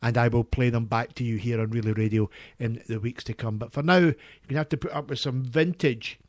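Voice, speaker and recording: A man presenting on community radio, talking earnestly and enthusiastically in a halting, chatty way. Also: mid-range voice, fairly even intonation, darkish tone, dry recording, clean studio sound.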